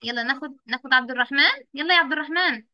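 A young Egyptian-accented teacher holds an online class for small children, coaxing them by repeating questions and praising every answer. She races along in a high voice. The sound is lo-fi with no room sound.

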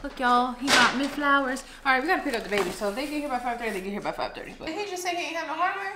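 A young woman chatting casually to her viewers in a home vlog, expressive and talkative. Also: high-pitched, very fast, very noisy. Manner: chatty and expressive, talks straight to viewers as "y'all". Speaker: vlogger. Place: at home, indoors.

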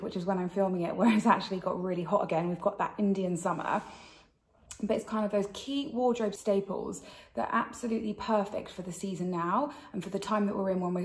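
A British woman chats to camera as a fashion vlog host. Wearing retainers slightly affects how she forms her words. Her voice sits at a middling pitch, with the noticeable echo of a kitchen around it. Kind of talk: chatty styling vlog. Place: indoors in a kitchen.

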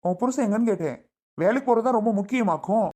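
A woman's voice: on the high side, lively intonation, fast, mellow. A woman playing a worried grown son who pleads with and scolds his sister in a family skit. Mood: accusing.

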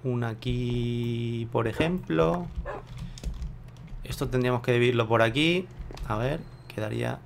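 Gravelly man thinking aloud. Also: mid-range voice, unhurried, pauses often, slight background noise. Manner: chatty, unsure, thinking aloud to viewers. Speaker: gameplay video host. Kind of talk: casual gameplay commentary.

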